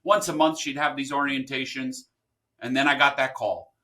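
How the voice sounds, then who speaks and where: Bright-voiced man telling his story. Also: mid-range voice, normal speed. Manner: animated storyteller who acts out quoted people. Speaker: podcast guest, title company founder. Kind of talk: storytelling interview answers.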